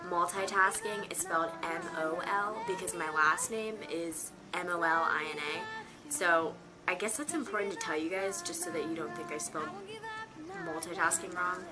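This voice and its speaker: A woman's voice: fairly low pitch, moderate pace, music in the background. A nineteen-year-old woman chatting casually to camera from her bedroom, rambling with lots of fillers. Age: teens. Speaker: vlogger. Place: her bedroom on a rainy day.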